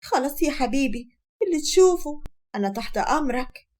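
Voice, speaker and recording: A woman's voice: sits high, animated, a little fast, a little mellow, pitched above the performer's own voice. A woman voicing a meek older Egyptian mother who humbly gives in to her son-in-law. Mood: humble. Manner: humble, yielding.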